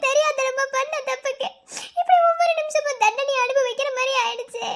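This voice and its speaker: A woman voicing a squeaky, tearful young mother-to-be. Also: fairly even intonation, brisk, fairly bright tone. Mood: tearful pleading. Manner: pleading, sobbing through words. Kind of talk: cartoon love story voice acting.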